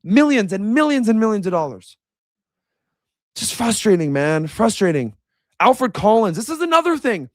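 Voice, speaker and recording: A man's voice: sits high, sing-song, moderate pace, no echo, clean studio sound. A young man giving a heated, blunt reaction rant as a sports commentator. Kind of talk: ranting reaction video.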